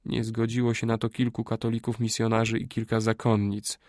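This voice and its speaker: A scheming Greek adviser who talks low and slow to win a boy over, as a man puts him on in an audiobook. His voice drops below the narration, quiet and coaxing. The recording is dry and close. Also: monotone, no echo, close to an everyday voice. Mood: hushed persuasive.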